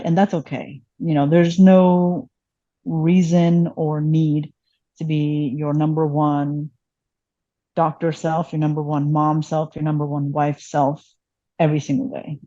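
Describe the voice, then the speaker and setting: A woman's voice: low voice, mellow, no room sound, highs cut off. A woman in her late thirties from Vietnam, an emergency physician being interviewed, talking reflectively with many fillers. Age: late 30s. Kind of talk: conversational interview.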